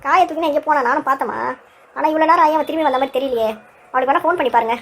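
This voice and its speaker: A woman voicing an elderly village man in a cartoon, chatty and quick to scold. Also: sits high, fairly bright tone. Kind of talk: cartoon voice acting.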